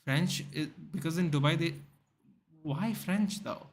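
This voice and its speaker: There's slight background noise as a young man hosts a casual livestream, chatting with viewers by name and reading out their comments. He has an Indian English accent from Goa, a voice on the high side, and a measured pace, and his talk is full of restarts plus "dude" and "man."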